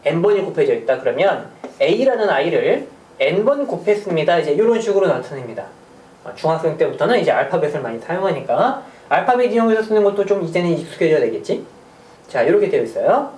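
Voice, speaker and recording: A teacher talks through a math lesson with a voice that swings lively up and down, throwing out questions and little jokes. The sound is roomy, picked up from a little distance. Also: mid-range voice, a little fast. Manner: chatty, asks rhetorical questions, small jokes. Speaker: middle school math teacher. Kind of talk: recorded online math lecture.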